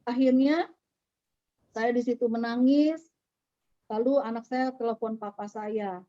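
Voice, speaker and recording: Higher-voiced woman telling a church testimony. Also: steady tone, unhurried, mellow. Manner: storytelling that acts out quoted dialogue. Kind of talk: personal testimony. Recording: slightly dull, dry recording.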